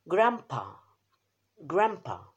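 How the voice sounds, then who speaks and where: Teacher from doing a kids vocab lesson, slow and patient, voice goes way up and down. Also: medium pitch, sing-song, breathy edge. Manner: patient, repeats each word slowly for the child; encouraging, praises often. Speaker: English teacher for children.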